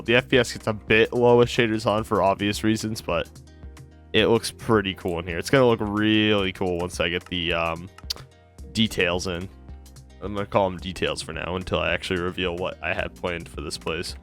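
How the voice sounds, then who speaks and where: Sick, sleepy male gameplay host, rambling and self-correcting, deep voice. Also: a bit bright. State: sick and tired, slurring words. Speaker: Minecraft series host. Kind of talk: casual gameplay commentary.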